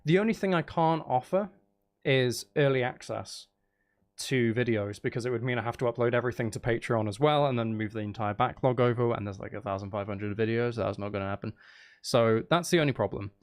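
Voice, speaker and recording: Speaking at a fairly quick clip in a medium-pitched voice, a man hosts a live game stream on his channel. His chatter is casual and playful, aimed partly at viewers and partly at himself.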